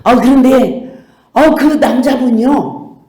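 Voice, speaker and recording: A woman pastor giving a sermon, telling stories with lively, acted-out quotes. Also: a little high, slow, roomy sound. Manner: animated storytelling, acting out quoted voices. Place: church sanctuary.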